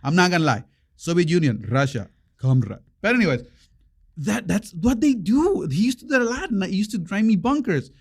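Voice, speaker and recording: A man co-hosting a casual chat, speaking English with an accent. He jokes around and talks in an animated way, often restarting his sentences. His pitch sits a little above that of most men. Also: quick pace. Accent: non-native English accent. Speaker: podcast co-host; parent.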